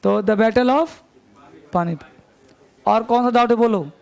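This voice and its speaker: High, gravelly male teacher dictating slowly. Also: darkish tone. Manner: slow spelling out words letter by letter. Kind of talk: classroom dictation lesson. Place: classroom.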